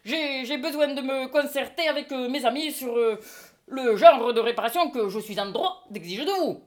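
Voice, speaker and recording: A woman's voice: high-pitched, moderate pace, lightly acted. A woman with a French accent reading the part of an indignant middle-aged husband, in a stage reading. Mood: pompous. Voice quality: pompous, mock-solemn.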